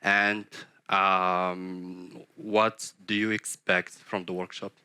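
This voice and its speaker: Moroccan guy running a workshop, deep clear voice, dry sound, lots of uhs. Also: flat delivery, very slow, sharp tone, dry recording. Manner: hesitant, many fillers. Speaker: workshop host, head of design. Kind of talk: workshop presentation. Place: conference workshop room.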